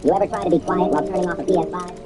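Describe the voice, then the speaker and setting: Fast-talking man telling a comic rant. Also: high-pitched, steady tone. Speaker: storyteller. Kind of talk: scripted comedic monologue. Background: music.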